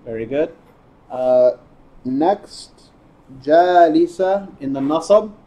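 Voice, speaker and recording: A man's voice: a little high, lively intonation, takes it slowly, dull audio. A man teaching a class, drilling words and patiently correcting and praising students. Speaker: Arabic teacher.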